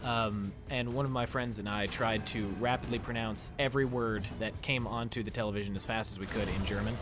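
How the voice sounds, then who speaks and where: A young American streamer plays a game while chatting casually with viewers through a headset mic in a small room. He's chatty and animated, responding to chat as he plays, in casual gameplay commentary. His voice is fairly low and fairly quick, with music underneath.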